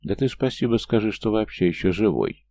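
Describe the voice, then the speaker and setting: A man's voice: fairly low pitch, big pitch swings, brisk, gravelly, mellow, full character voice. A man voicing a brash teenage boy cadet in a story reading, blunt and cocky.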